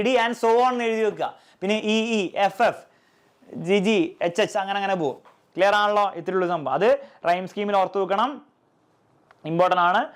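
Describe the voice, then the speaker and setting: A high-pitched male teacher runs an exam revision lesson. He asks rhetorical questions, answers them himself, and keeps checking that his pupils have understood. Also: smooth.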